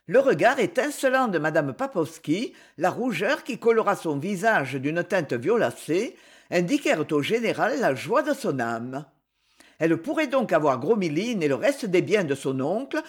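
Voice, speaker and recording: A man narrating a classic novel as an audiobook, with expressive storytelling. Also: sits high.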